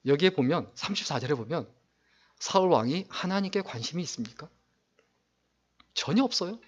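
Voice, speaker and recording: Male pastor in full sermon mode, high voice that swings widely, loud on his key points, muffled lo-fi recording. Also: moderate pace. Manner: animated preaching, rising to loud emphasis on key points; reads scripture aloud in a raised declaiming voice.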